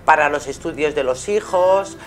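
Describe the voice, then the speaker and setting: A woman's voice: low-pitched, normal speed. A middle-aged woman with an accent from Spain, speaking affectionately as she gives spiritual advice to a caller as host of a live show. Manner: affectionate, addressing the caller with endearments. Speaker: spiritual guide hosting a live call-in show. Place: small TV studio with curtains. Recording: music playing behind the voice.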